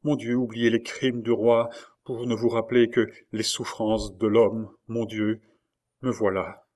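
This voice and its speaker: A man reading aloud as a dying king who prays fervently and pleads for mercy, in a voice a little higher than his own. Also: little pitch movement, measured pace, a little mellow, lightly acted. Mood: pleading. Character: dying old king, feverish and pious.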